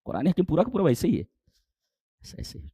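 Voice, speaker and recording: Man, preacher; lively sweeping delivery, rhetorical questions, dry close sound. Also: breathy edge, no room sound. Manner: animated, rising to high emphatic peaks then dropping low, rhetorical questions. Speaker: Islamic preacher. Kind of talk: Urdu sermon with Quranic exegesis.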